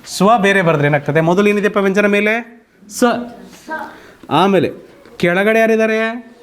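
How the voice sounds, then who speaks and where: A man with a Karnataka accent teaching a slow, patient online grammar lesson, often asking students whether they understand. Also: high voice. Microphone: computer mic on an online class call.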